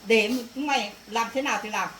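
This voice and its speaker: A woman acting as an angry rural mother scolds her daughter in a family drama, her slightly high, natural voice at a moderate pace, with occasional shouting bursts. It sounds echoey and far off, with faint noise.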